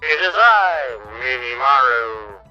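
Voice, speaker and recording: A robot voice comes through a voice changer, slow and sharp-edged, with a smooth processed tone. The sound is dull and lo-fi, as a gamer tests the effect during a casual playthrough. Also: medium pitch, animated, faint music behind, exaggerated voice. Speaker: game player testing a voice changer. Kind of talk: casual game commentary.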